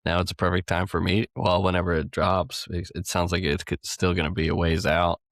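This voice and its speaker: Young male podcast co-host, very deep voice, rambling and laid-back, dry close sound. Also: level tone, fairly quick, fairly bright tone, no room sound. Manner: rambling, laughs between thoughts. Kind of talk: casual gaming podcast chat.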